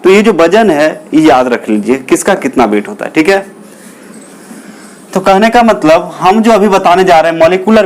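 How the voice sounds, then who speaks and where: A man's voice: on the high side, a little hiss or hum. A man teaching a chemistry class, who asks the class questions, answers them himself and repeats the key terms. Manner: calls listeners children. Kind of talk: classroom lecture.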